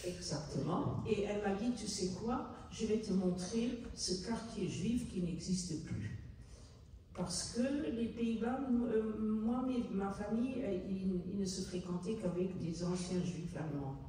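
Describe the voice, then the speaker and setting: An older Dutch woman from the Netherlands, with a warm, medium-pitched voice, gives a public book talk as an invited author in a large hall at a city hall book fair. She speaks earnestly but haltingly, searching for words. The recording is made from far away in the echoey hall, with faint noise.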